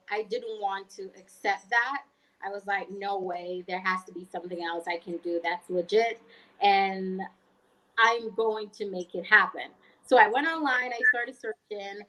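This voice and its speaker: A woman in her twenties from Montego Bay, Jamaica, speaks with a Jamaican accent as a guest, telling a personal story conversationally; she works as an online freelancer. Her voice is mid-range and fairly bright, on a rough recording.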